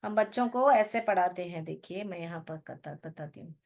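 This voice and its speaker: A woman's voice: on the low side, moderate pace, a little mellow. A woman teaching an English phonics lesson, patiently repeating and drilling words while mixing English into her explanations. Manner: mixes English words into instruction.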